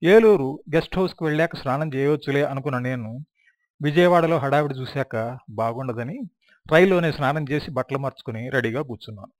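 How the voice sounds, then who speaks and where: A man's voice: medium pitch, a little fast, dry recording, studio quality. Man narrating a memoir audiobook. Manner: reflective first-person storytelling.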